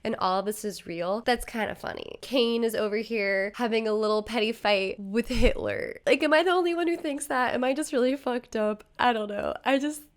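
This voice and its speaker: Young woman host chatting about a horror movie, smooth clear voice, says like a lot. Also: a little high, normal speed, hardly any pauses. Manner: chatty, fills with "like", laughs at the story. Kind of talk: casual true-story commentary.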